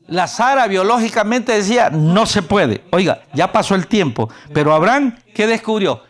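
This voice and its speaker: A man from Honduras with a Honduran Spanish accent, preaching a storytelling sermon at a youth camp and acting out the people he quotes. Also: a little high. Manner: animated, acts out quoted voices.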